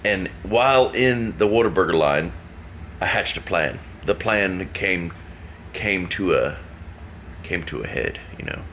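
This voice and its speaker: A man's voice: deep voice, expressive, unhurried, a bit bright, slight background noise. A man, telling a rambling, amused story to his camera. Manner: rambling, amused, repeats himself. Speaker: vlogger.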